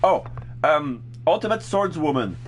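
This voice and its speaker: A man's voice: on the high side, sing-song, measured pace, a little hiss or hum. A man giving casual, hesitant video game commentary, often groping for words as he explains characters. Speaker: game streamer.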